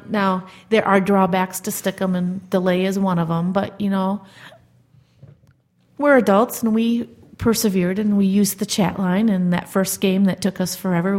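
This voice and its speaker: A chatty woman co-hosting a podcast, talking in a rambling, upbeat way. Her voice sits at an ordinary middle pitch for a woman. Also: a little mellow. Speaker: podcast co-host. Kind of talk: casual chat.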